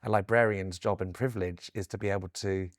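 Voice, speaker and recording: A man's voice: low voice, steady tone, brisk, dry recording, clean studio sound. A man chatting in an interview as a guest storyteller, effusive and emphatic in the way he talks. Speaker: guest author and children's storyteller. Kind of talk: animated interview chat.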